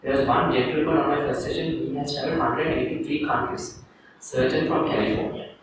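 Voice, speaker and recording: A Sri Lankan man, a Buddhist monk, giving a calm dharma talk to a group and leading a guided reflection. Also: fairly high pitch, a little fast. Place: teaching hall in Sri Lanka. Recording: echoey room, distant mic, faint noise.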